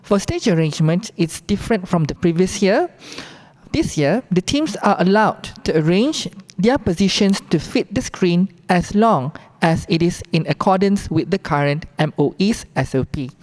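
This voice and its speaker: A competition briefing presenter with a Malaysian accent explains the rules point by point in an instructive way. Her slightly low voice is soft-edged and mellow, expressive, and moves at a moderate pace.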